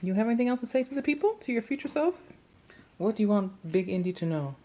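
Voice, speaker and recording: A woman's voice: on the high side, lively intonation, fast talker, dark tone. A young woman, a new mother, chatting casually to the camera and cooing to her baby in a family vlog. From Nigerian American. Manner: chatty, coos in sing-song baby talk.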